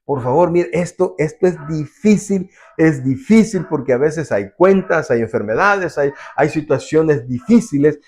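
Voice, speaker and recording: A man's voice: a little high, expressive, unhurried, hardly any pauses, a little mellow, husky. A man preaching a sermon as pastor, earnestly, acting out the voices of the people in his stories.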